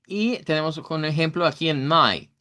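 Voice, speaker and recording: With a slightly high, sharp-toned voice at a moderate pace, a middle-aged English teacher explains vowels in a recorded online class. He has a Central American Spanish accent and often uses fillers and corrects himself.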